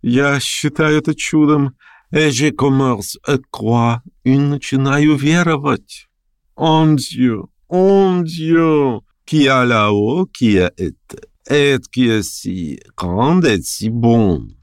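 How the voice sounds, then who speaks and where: Guy reading does a shaky sentimental old gent, slow gushing exclamations, dry close mic. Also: medium pitch, expressive, clear, resonant tone, no echo, voice pushed up. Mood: rapturous. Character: aging, sentimental, overwrought old gentleman.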